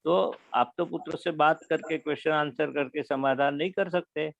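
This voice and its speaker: A man giving a spiritual talk to young listeners, explaining slowly and repeating his key phrases. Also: a little high, steady tone, vocal fry, no echo. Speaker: spiritual teacher. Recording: dull lo-fi recording.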